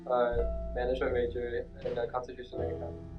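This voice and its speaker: A young man speaks hesitantly and often restarts his sentences. His voice is extremely flat. The recording is dull and muffled, with soft guitar behind. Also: mid-range voice, quick pace. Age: young adult. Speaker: student interviewee. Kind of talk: casual interview answer.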